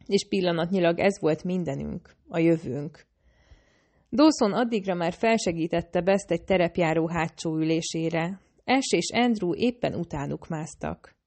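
Low-voiced woman narrating an audiobook. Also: a little mellow. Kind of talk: scripted first-person narration.

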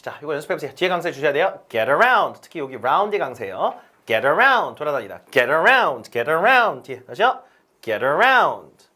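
A man lecturing on English speaking-test prep, drilling phrases slowly with strong stress. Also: a little high, fairly bright tone.

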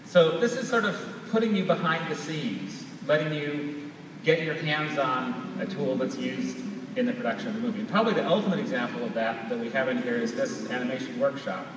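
Male presenter, mid-pitched, explanatory and conversational live demo, captured at a distance from the audience in a reverberant auditorium. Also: brisk. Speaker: presenter demonstrating an app. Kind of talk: live stage product demonstration. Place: large auditorium stage, recorded from far in audience. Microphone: distant camera picking up PA sound. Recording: echoey large hall, distant, noisy audience recording.

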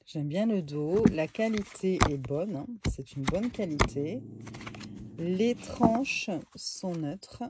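A woman casually reviewing a tarot deck for her viewers in a room at home, relaxed and chatty, with lots of fillers and small asides. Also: on the low side, takes it slowly, heavy background noise.

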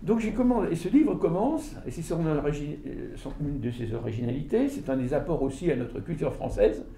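Recorded from afar by a camera with no mic visible, an older author lectures informally about his book to an audience in a small indoor room, the sound echoing. His dark, mellow voice has a fairly high pitch, and he speaks animatedly but haltingly, with many fillers and restarts.

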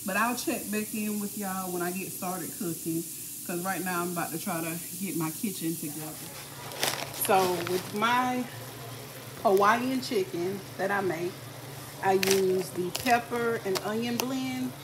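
A woman's voice: mid-range voice, measured pace, noisy background. A tired woman chatting casually while she cooks and cleans in her home kitchen. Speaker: family vlogger. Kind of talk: casual chat.

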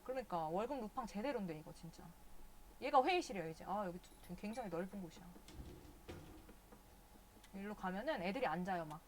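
A woman's voice: medium pitch, expressive, a little fast, pauses often, slight background noise. A woman streaming a video game live, chatting casually and cursing at the characters in exasperation.

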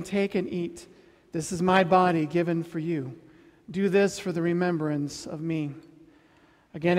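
High-voiced minister in a cathedral echo. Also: male voice, darkish tone. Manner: solemn, chants parts of the liturgy. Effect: cathedral echo, long reverb. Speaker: presiding minister. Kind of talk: leading a communion liturgy. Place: large church sanctuary. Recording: long reverb of a big church hall.

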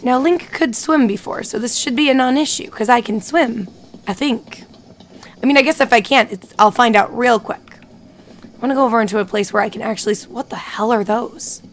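A woman streaming a video game live, chatting and thinking out loud with excited reactions. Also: on the high side, a little fast. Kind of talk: live gameplay commentary.

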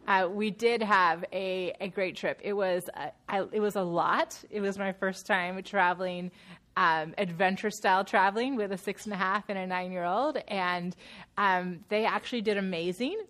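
A woman in her thirties leads a women's Bible study in a church meeting room, her voice audibly nasal from a sinus infection. Medium-pitched and a bit bright, with fairly even intonation at a moderate pace, she shares loosely and chattily with the group, laughing easily and restarting sentences.

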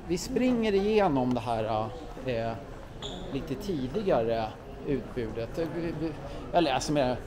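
A car vlogger with a mid-range voice strolls through an indoor car museum hall, recording on a handheld camera mic as he walks. He gives chatty, enthusiastic commentary, musing aloud and often correcting himself, while a murmuring crowd of visitors fills the background.

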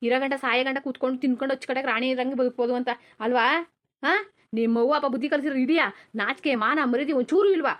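A woman voicing a stern, quick-tempered rich village landlord father in a cartoon, scolding and repeating herself. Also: high voice, fairly even intonation, close to an everyday voice. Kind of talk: cartoon dubbing.

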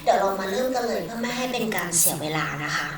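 A woman teaching English with a Thai accent, explaining in Thai and reading English phrases slowly aloud, adding polite particles after nearly every phrase. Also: medium pitch, lively intonation, reverberant, distant mic, crowd noise, poor audio. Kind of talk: recorded online lesson.

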